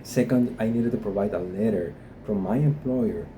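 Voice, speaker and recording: A young Guatemalan man whose first language is Spanish vlogs from a home in Spain, talking unscripted to camera about his visa process, hesitant and full of fillers. His voice is on the low side with a dark tone at normal speed. The room is noisy, with a dog barking.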